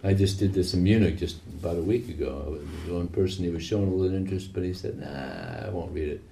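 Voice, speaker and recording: Group leader, deep warm-toned man, encouraging, roomy distant sound. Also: fast, creaky. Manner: encouraging, prompts others. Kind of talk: casual chat. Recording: echoey room, distant mic, faint noise.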